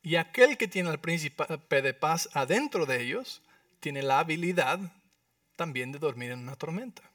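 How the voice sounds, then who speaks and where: Male pastor, sermon, high bright voice, dry sound, slightly distant mic. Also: moderate pace, no room sound. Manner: lively preaching, asks the congregation questions.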